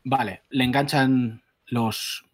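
A man's voice: mid-range voice, steady tone, slow pace. A man retelling a film plot at length in a casual podcast chat, rambling and full of restarts. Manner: recounts plot in long rambling stretches. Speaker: podcast co-host.

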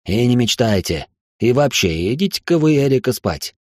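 Woman voicing a teasing male lord, deep lowered voice, dark tone, dry close sound, audiobook character. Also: big pitch swings, moderate pace, dry recording, full character voice. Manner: low, good-humored teasing. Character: teasing noble lord, man, playful.

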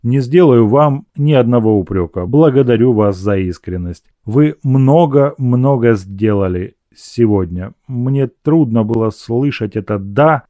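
A man's voice: medium pitch, expressive, measured pace, few pauses, dark tone, no echo, natural voice. Lovesick young man, as a reader does him, passionate and pleading, storybook reading, dry sound. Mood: restrained.

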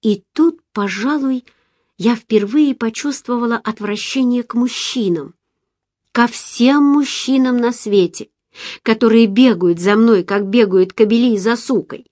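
A woman narrating a novel in the first person, reading in a measured, even storytelling manner. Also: a little high, no room sound, clean studio sound. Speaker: audiobook narrator.

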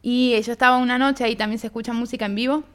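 A woman's voice: on the high side, very fast, clear, resonant tone. A woman from Argentina with an Argentine accent, a guest on a radio interview, telling a travel anecdote in a casual way and acting out both sides of a conversation. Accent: Argentine Spanish. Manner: lively anecdotal, reenacts dialogue with "me dice".

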